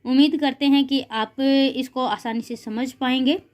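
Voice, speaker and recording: A woman teaching a class of children in a patient, encouraging way, slowly as she drills the words and calling her students "beta ji". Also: high voice, fairly even intonation, a little mellow.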